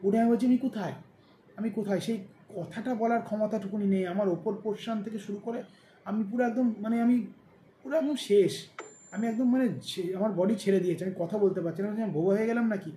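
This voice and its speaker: Fast-talking man, weak after surgery. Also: sits high, fairly even intonation, mellow, reverberant, a little hiss or hum. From India. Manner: rambling, many restarts and fillers. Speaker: vlogger. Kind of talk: casual personal story.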